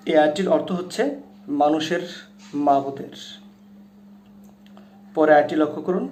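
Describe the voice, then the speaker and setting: A man with a fairly high, mellow voice teaches Quran pronunciation, talking to his viewers step by step. He breaks the verses into words and chants them long and loud. The sound carries a noticeable room echo. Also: moderate pace, slight background noise. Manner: addresses viewers directly and repeatedly. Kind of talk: tutorial on Quran pronunciation and tajweed.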